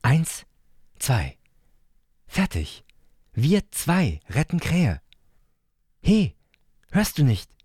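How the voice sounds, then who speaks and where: A man voicing an earnest little boy, the narrator's younger brother, who talks slowly in simple, halting phrases. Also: on the high side, wildly swooping pitch, darkish tone, husky, dry recording, clean studio sound, pitched above the performer's own voice, exaggerated voice. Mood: eager.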